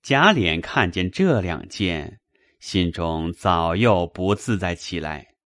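A man narrating a classic novel in a measured audiobook reading. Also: sits low, no echo. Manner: measured, steady storytelling.

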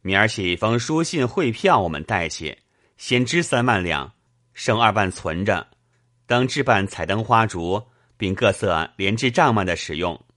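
A fawning young man in a classic story, rattling off his plans quickly in a deep, dry voice, as a male narrator plays him. He sounds eager to please. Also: animated, a bit bright, no room sound. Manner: fast, eager, ingratiating. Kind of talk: audiobook character voice.

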